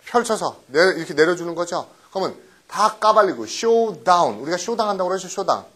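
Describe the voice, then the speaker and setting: A middle-aged man teaching English vocabulary in a recorded lecture, often quizzing his students with quick questions and tag checks. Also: high voice, lively intonation, a bit bright. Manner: mixes English words into explanations.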